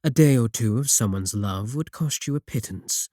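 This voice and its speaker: In second-person roleplay audio, a man plays a courteous, manipulative warlock shopkeeper who coaxes and flatters his guest with polite, unhurried talk in a flirtatious mood. His medium-pitched voice sounds natural, recorded in clean studio sound with no echo.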